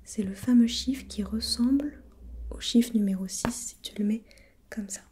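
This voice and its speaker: A woman playing a gentle, patient preschool teacher in a soft, breathy whispered role-play, encouraging and repeating softly. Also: on the high side, measured pace, a little hiss or hum, close to an everyday voice.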